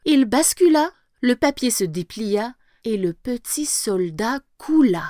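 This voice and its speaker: A woman storyteller reads a fairy tale aloud from a storybook, her voice on the high side and recorded with clean studio sound and no room echo. She reads expressively, slowing down and sometimes dropping to a whisper for effect.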